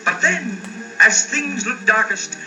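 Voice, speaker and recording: A man's voice: extremely high pitch, expressive, slow pace, full character voice. An actor playing a melodramatic male narrator of a western spoof in 1930s radio serial style, grandiose but chummy with the audience. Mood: grandiose, suspenseful. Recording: distant vintage 1930s cartoon soundtrack, loud music.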